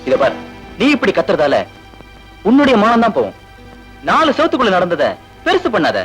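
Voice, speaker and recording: A man's voice: sits high, huge pitch swings, moderate pace, fairly bright tone, breathy edge, heavily acted, low-quality recording. An actor playing a callous, domineering husband who brushes off his wife's grief with contempt. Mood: scolding. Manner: contemptuous, blustering. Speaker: unfaithful husband. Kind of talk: 1980s Tamil film acting. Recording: film soundtrack with music behind.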